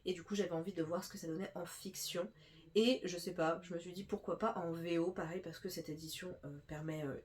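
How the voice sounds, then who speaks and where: A woman's voice: on the low side, steady tone, brisk, darkish tone. Young female booktuber, stuffy nose, casual filler-heavy chat. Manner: chatty, many fillers and restarts. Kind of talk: casual book haul chat.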